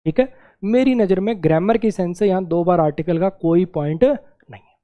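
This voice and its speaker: A man teaching English grammar to exam students, explaining step by step, repeating words slowly and asking the class questions. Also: sits high, dull audio.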